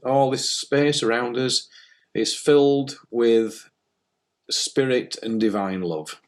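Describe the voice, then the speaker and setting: A man, co-hosting a casual spiritual chat in a gentle, reassuring and jokey way. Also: mid-range voice, slow pace. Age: 50s. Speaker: spiritual medium and co-host.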